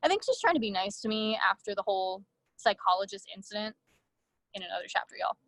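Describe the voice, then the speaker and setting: Woman author, mid pitch, measured literary reading with casual asides, dry close recording. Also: expressive, fairly bright tone, dry recording. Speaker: author reading her own fiction.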